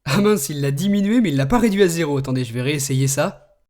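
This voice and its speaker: A man hosting a tech video, explaining a phone's features in a relaxed way and speaking commands to it. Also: on the high side, fast. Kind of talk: screen demo tutorial.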